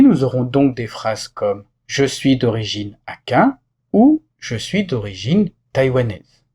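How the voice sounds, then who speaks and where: Husky male French teacher, lively pitch. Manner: clear, didactic explanation with example phrases. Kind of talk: scripted lesson narration.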